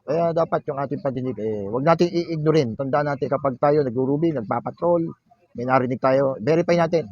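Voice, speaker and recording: This man lectures a class in a blend of Tagalog and English, reading out English definitions and explaining each one while often tagging on "no?". He talks fairly quickly in a mid-range, darkish voice, with no room sound and the highs cut off.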